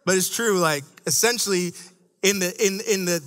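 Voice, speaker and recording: A man's voice: high-pitched, moderate pace, a bit bright. A man preaching a sermon to young adults, chatty and laughing at his own stories, then rising into an emphatic preaching cadence.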